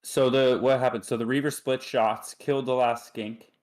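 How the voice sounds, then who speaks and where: A man's voice: mid-range voice, steady tone, normal speed, darkish tone. A man co-commentating a tabletop wargame tournament, chatty and loose, jokey and full of "like" and "you know". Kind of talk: casual live game commentary.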